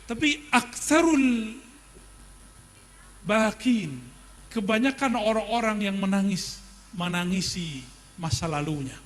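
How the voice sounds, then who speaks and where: A man's voice: sits high, a bit bright, slight background noise. A middle-aged man preaching a sermon, conversational, asking his listeners questions and joking with them. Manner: conversational, asks the audience questions and jokes. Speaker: Islamic preacher teaching a classical text.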